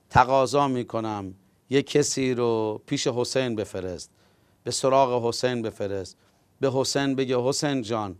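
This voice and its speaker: A man reading as a calm, resolute condemned martyr. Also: medium pitch, clean tone, dry recording, close to an everyday voice.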